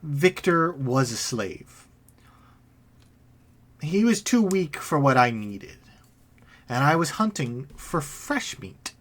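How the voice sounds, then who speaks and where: A man voicing an eerie, faceless female spirit that collects souls, speaking in a calm, sing-song, menacing way. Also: a little high, slow pace, full character voice.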